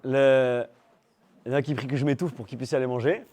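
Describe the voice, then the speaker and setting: A man teaching a religious class to young people, animated, firing rhetorical questions at the room and teasing his listeners. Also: mid-range voice, quick pace. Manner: teasing humor with the audience. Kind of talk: lively religious class talk.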